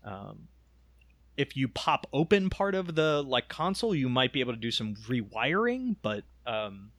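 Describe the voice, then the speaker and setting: A man narrating a tabletop game as game master, explaining rules with many pauses and restarts. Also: medium pitch, sing-song, a bit bright, no echo. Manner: rambling, many ums and restarts.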